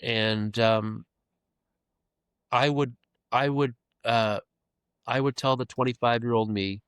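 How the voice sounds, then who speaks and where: A man's voice: medium pitch, fairly even intonation, takes it slowly, a bit bright, clean tone, dry recording, clean studio sound. A man of fifty talking as a podcast guest, earnest and reflective, often repeating phrases as he thinks. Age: 50s. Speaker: podcast guest, creative executive. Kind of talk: casual reflective interview talk.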